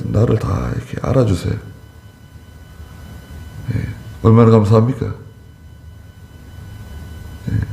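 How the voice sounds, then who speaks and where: A middle-aged man preaching at a dawn service, his voice low-pitched and mellow. He speaks conversationally and acts out little everyday exchanges between people. His delivery rises and falls but stays easygoing and plain. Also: vocal fry. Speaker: pastor. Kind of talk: sermon.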